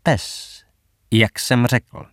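A man narrating a story, voicing a calm young army commander in a matter-of-fact tone. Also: medium pitch, no room sound, clean studio sound, natural voice.

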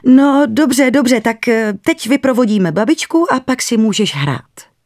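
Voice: medium pitch, animated, darkish tone, no room sound, close to an everyday voice. A storyteller voicing a practical, skeptical young mother in a dry, close recording.

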